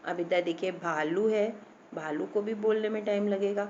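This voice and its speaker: A woman's voice: mid-range voice, darkish tone, highs cut off, a little hiss or hum. A woman teaching a children's Hindi grammar lesson. She speaks patiently, draws out each syllable and often checks in with "है ना?". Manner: slow, patient, drawn-out syllables, frequent "है ना?".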